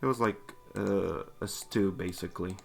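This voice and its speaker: A man chatting casually between role-play scenes, low-key and rambling, as game master. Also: steady tone, normal speed, creaky, soft background music.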